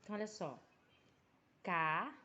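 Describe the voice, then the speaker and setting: A woman's voice: lowish voice, lively intonation, normal speed, pushed and bright, muffled recording, a little hiss or hum. A woman teaching a primary school language lesson, explaining patiently and drawing out syllables, with a Brazilian Portuguese accent. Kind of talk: recorded remote class lesson.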